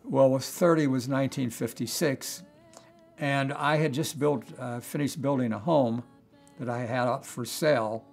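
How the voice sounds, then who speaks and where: A man in his eighties from Pennsylvania, recalling his working life in a soft, measured way in a documentary interview. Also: mid-range voice, steady tone, creaky, faint music behind. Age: 80s.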